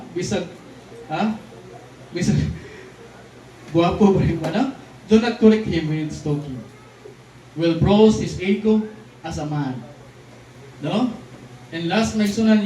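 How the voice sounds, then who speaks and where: A man delivers a lively sermon, tossing "di ba?" and "no?" to his listeners as he moves between languages. His voice sits high for a man. He is heard from a distance in a roomy, echoing hall with a faint hiss of noise behind him. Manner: lively, keeps asking the crowd "di ba?" and "no?"; switches between Cebuano and English lines. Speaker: preacher. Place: church hall.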